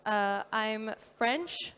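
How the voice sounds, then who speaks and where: With a slightly high, somewhat bright voice and drawn-out words, a fifteen-year-old New Caledonian girl presents an earnest prepared talk as a youth speaker at a dive expo, using fillers and making small self-corrections. A little hiss or hum can be heard in the recording.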